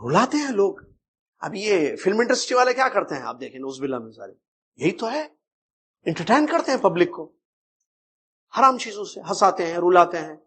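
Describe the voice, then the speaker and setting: A man's voice: high-pitched, very animated, pauses often, a bit bright, slightly rough. A man giving an Islamic creed lecture as a religious teacher, talking in a conversational way and putting rhetorical questions to his listeners.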